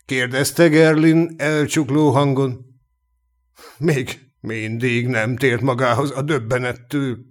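A man narrating a comic fantasy story as an audiobook reader. He tells it in a plain, even way at a middling pitch.

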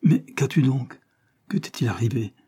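A man reading the part of a frightened, gentle young woman who is soothing her brother, speaking softly and pleadingly. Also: mid-range voice, very animated, normal speed, husky. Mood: worried, soothing.

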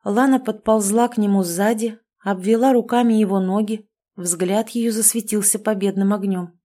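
A woman's voice: mid-range voice, steady tone, moderate pace, warm tone. A woman narrating a horror story as an audiobook.

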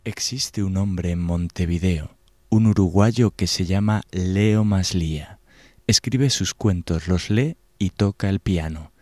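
A man's voice: low voice, slow pace, warm tone, no echo, clean studio sound. A male radio presenter reading a scripted introduction.

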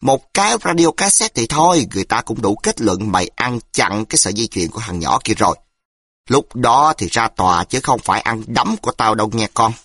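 A man's voice: fairly low pitch, lively intonation, normal speed, fairly bright tone, slightly rough, dry recording, clean studio sound, exaggerated voice. Man doing a snarling brutal tough guy. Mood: menacing. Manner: snarling threats.

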